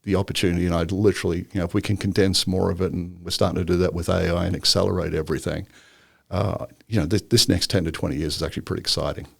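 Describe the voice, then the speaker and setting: A man with a deep voice and a gravelly, creaky edge talks at length as a podcast guest. He meanders through fillers, restarts and little jokes. The sound is dry and close. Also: fairly even intonation, rapid-fire, no room sound. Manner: rambling, filler-heavy, joking. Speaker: guest entrepreneur. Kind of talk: casual interview chat.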